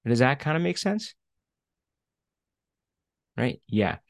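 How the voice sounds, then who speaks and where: A man runs an online coaching session in a loose, casual way, leaning on fillers and checking in with "right?" as he goes. His voice sits at an ordinary middle pitch. The sound is dry and close, with no room echo. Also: sing-song, slow pace, creaky. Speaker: career coach. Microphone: video call.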